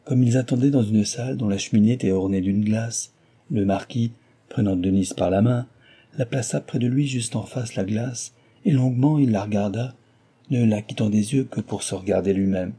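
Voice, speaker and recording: A man's voice: lowish voice, breathy edge. A man steadily reading a classic novel aloud as narrator. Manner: steady and measured. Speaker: audiobook narrator.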